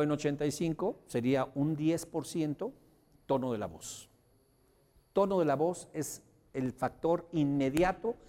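A man giving a lively seminar talk to an audience, swinging his pitch for effect and asking the room questions. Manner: lively, theatrical pitch swings, demonstrating voice inflection. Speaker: communication trainer. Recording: long reverb of a hall.

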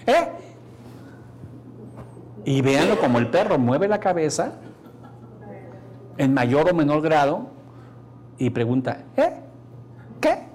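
Animated man lecturing a course. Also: fairly high pitch, measured pace, long pauses. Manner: animated, acts out quoted voices, asks the audience questions. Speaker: course speaker. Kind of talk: lecture to an audience.

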